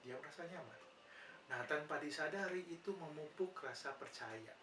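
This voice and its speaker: In this explanatory lecture, a nursing instructor with an Indonesian accent teaches psychology in a slightly high voice with lively intonation and a normal pace. He often poses questions and answers them himself, sprinkling in "ya" throughout. Background noise and room echo come through a far-off microphone.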